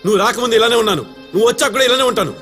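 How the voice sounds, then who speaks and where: Brief: a proud rich husband, quick to anger, Telugu accent, with a movie score behind. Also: male voice, extremely high pitch, animated, soft background music. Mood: contemptuous. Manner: shouting angrily, then bitter voice-over narration. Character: arrogant rich husband, short-tempered. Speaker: husband and narrator. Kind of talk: film drama dialogue.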